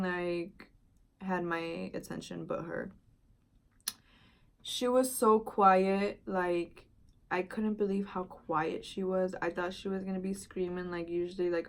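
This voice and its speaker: A woman's voice: fairly low pitch, vocal fry. A young woman vlogger casually telling a long personal story, rambling with lots of filler words and slang. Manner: rambling, heavy use of "like" and "dude".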